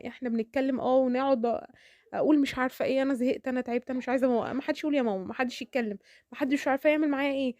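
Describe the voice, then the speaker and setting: A woman with an Egyptian accent chatting to her viewers as a home vlogger, talking fast with prayers and laughs. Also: fairly high pitch, no echo, studio quality. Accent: Egyptian Arabic. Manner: rapid, warm-hearted chatter with prayers and frequent laughs.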